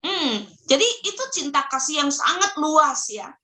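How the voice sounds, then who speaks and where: A middle-aged woman, a parenting guest who tells stories in lively casual talk and acts out voices. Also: high-pitched, measured pace. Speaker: podcast guest, parenting practitioner.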